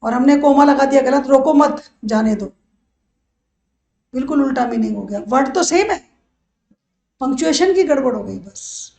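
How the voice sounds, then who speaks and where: A woman teaching a law lecture. She mixes Hindi and English, repeats key phrases and slows right down on the English lines. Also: high-pitched, gravelly, darkish tone, echoey room. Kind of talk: classroom lecture.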